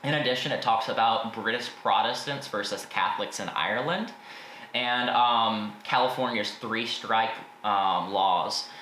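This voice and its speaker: Speaking a little slowly in a lowish, pushed, bright voice, a man delivers a casual book review for his video channel. He's blunt with his opinions but hedges them often. The recording has room echo and faint background noise.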